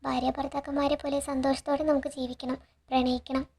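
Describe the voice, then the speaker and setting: A woman's voice: sits high, flat delivery, fast talker, vocal fry, darkish tone. A woman reading out a nervous young man in love. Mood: pleading.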